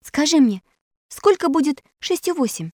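A woman voicing a bold, clever young girl who asks sharp, probing questions in a storybook reading. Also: high voice, big pitch swings, normal speed, dry recording, studio quality, voice pushed up. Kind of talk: audiobook character voice.

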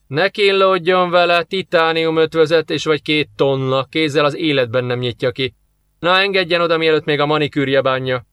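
A man's voice: a little high, steady tone, a bit bright, clean tone, dry recording, lightly acted. A man voicing a crude, wisecracking male army sergeant with a coarse, mocking way of talking.

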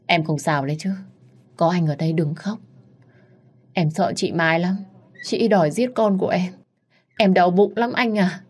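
A woman voicing a scheming pregnant young mistress who whines and snaps in a sharp tongue. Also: low-pitched, steady tone, a little fast, slightly rough. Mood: whiny.

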